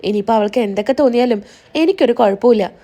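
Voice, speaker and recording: A woman's voice: a little high, fast, mellow, natural voice. A woman voicing a firm matriarch who settles family business decisively. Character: firm older matriarch favoring one daughter-in-law.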